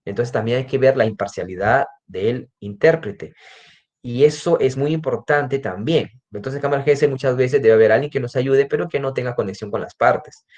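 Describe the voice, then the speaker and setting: A male forensic psychologist with a Peruvian Spanish accent gives a lecture in a mid-pitched voice. He explains his points patiently, often checks in with "¿no?" and restarts sentences as he goes. The recording is a little dull and lo-fi. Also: normal speed, darkish tone. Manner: explanatory, frequent "¿no?" tags and restarts.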